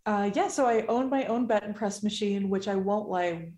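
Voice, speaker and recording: Warm and mid-range, a guest artist's voice carries at a moderate pace as she chats on a podcast, cracking self-deprecating jokes. The indoor artisan shop setting gives the recording an echo.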